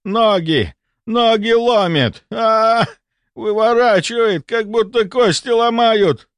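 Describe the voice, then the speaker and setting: A man's voice: high-pitched, slow, smooth, no echo, clean studio sound, pitched above the performer's own voice. A screaming, fevered male patient. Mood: agonized. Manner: screaming, stammering with chattering teeth.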